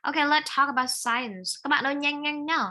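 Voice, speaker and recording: Bright-voiced Vietnamese woman teaching English. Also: high-pitched, poor audio. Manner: brisk, corrective, switching between English and Vietnamese. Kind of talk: online speaking lesson, correcting pronunciation.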